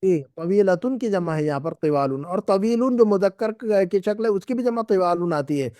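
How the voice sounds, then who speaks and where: Man, middle-aged, arabic teacher, high voice, mellow tone, dry sound, patient drilling. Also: lively intonation, normal speed, no room sound. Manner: patient, repeats and drills words. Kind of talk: classroom lesson.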